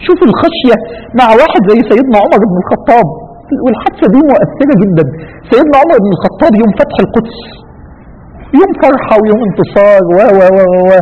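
A man with an Egyptian accent preaching a sermon, fervent and full of rhetorical questions, with a husky voice. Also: very high-pitched. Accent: Egyptian Arabic. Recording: dull radio broadcast with long hall reverb.

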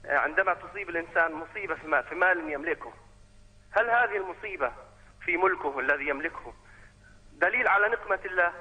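A man's voice: high-pitched, quick pace, breathy edge. A man calling in by phone, politely asking formal questions with some hesitant restarts. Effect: heard over a phone line. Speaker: caller. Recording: dull lo-fi phone line.

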